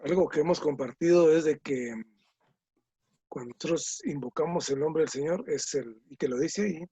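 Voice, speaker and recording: A man with a Guatemalan accent sharing a comment in a church group discussion, speaking haltingly and restarting his phrases. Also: fairly high pitch, warm tone, slightly rough, dry recording, muffled recording. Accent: Guatemalan Spanish.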